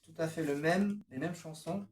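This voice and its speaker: A man's voice: a little high, normal speed, echoey room, a little hiss or hum. A man in a casual home video showing his CD collection, talking hesitantly with many fillers as he lists song titles. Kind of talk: casual unscripted collection vlog.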